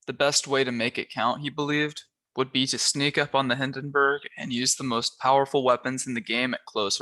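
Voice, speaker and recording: A man reading a children's novel aloud as a volunteer reader, telling the story lively and shifting his voice a little for the characters. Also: medium pitch.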